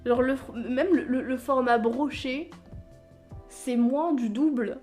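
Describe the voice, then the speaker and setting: A woman's voice: high-pitched, takes it slowly, a little mellow, faint music behind. A woman chatting casually as a book vlogger, rambling, stumbling over words and laughing at herself. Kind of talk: casual chat.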